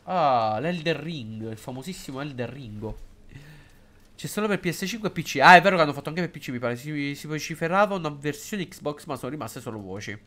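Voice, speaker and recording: A man giving casual, excitable and jokey live commentary while streaming a game, hesitant and halting whenever he switches into English. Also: a little high. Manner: excitable and jokey, swings between loud outbursts and mumbling.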